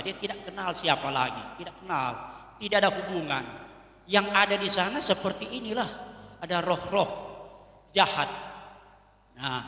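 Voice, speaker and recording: A man preaching a sermon as pastor, swinging from loud to soft. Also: sits high. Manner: animated preaching with shifts between loud and soft. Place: church hall. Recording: echoey hall, mic at a distance.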